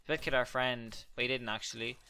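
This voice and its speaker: A young man hosting a gaming channel, rambling and excitable as he commentates live gameplay and swears at opponents. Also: mid-range voice, quick pace, gravelly, smooth.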